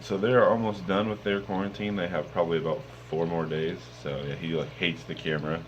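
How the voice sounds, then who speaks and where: Though sleepy and only just awake, this young man talks briskly in a low-pitched voice while touring his home aquariums on a handheld phone. He rambles casually with plenty of ums, and the audio is muffled with some hiss or hum.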